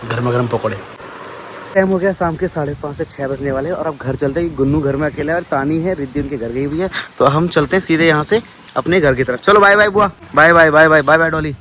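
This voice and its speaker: A young man narrates his family vlog in a rapid, chatty stream, teasing relatives and calling out to viewers. His voice sits a little high, with a faint hiss in the background. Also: sharp tone. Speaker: vlogger and travel company owner. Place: family homes and car, indoors and out.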